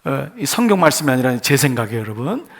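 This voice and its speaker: In a church sanctuary, a male pastor gives an earnest sermon in short phrases and puts rhetorical questions to his congregation. His voice is medium-pitched and sing-song, and he talks fast.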